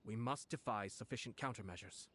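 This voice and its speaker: A man voices a young aristocratic commissioner for a video game, shrewd and unruffled. His voice sits fairly low and his phrasing is formal and measured. There is noticeable noise behind him. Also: fairly bright tone, close to an everyday voice. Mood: grave, resolute. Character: composed, shrewd young nobleman, a high government commissioner. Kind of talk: scripted video game voice acting.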